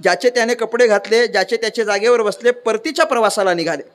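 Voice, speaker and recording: A man from Maharashtra preaching a devotional sermon, telling a story with lively asides and rhetorical questions to the crowd. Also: sits high, fast talker, soft background music. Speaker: kirtan preacher. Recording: long reverb of a large hall.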